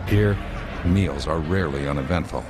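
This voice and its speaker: Deep-voiced American man, measured documentary narrator. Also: a loud crowd, heavy background noise. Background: music.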